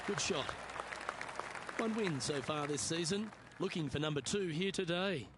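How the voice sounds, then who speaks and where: A man's voice: fairly high pitch, animated, unhurried, crowd noise, noisy background. A man giving golf commentary as a commentator.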